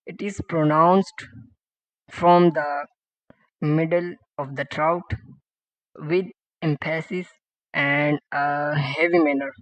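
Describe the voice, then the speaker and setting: Slow, flat-voiced male Quran teacher. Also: on the high side, no room sound. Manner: repeats each letter sound several times, louder than his explanations; plain, simple explanations in short phrases. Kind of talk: pronunciation lesson for beginners. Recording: dull lo-fi recording with faint background music.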